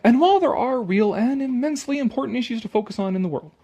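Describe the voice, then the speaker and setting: This video commentator, a bit drunk, talks quickly in a very high-pitched, expressive, warm voice. His improvised remarks are sarcastic, exasperated, emphatic, and full of swearing.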